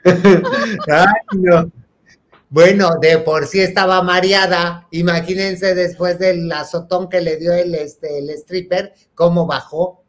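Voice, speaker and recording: A man's voice: high voice, level tone, takes it slowly. A man with a Mexican accent hosting a show, telling a comic gossipy party story and addressing listeners as sisters. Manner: acts out friends' voices in quotes. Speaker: host.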